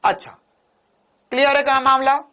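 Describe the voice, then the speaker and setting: A man teaching physics in a live online exam-prep lecture, with a hoarse voice worn from shouting, animated and teasing as he answers his own questions in a student's voice. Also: very high voice, normal speed. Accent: Hindi.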